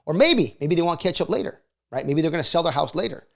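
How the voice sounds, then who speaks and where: A middle-aged man with a fairly high, bright voice full of gravelly creak offers casual, motivational sales advice as a video host. He talks fast with lively intonation, staying conversational and tagging his points with short check-in questions to seek agreement.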